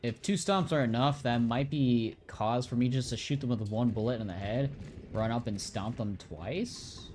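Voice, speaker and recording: A man casually commenting on his own gameplay, talking to himself in a relaxed, offhand way as he plays a horror game. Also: mid-range voice, moderate pace, a little hiss or hum. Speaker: let's play gamer.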